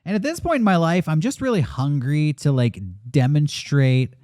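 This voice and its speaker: A man's voice: on the high side, very animated, normal speed, darkish tone, dry recording, clean studio sound. A man in his late thirties, a podcast co-host talking candidly and reflectively in casual chat, swearing now and then. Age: 30s.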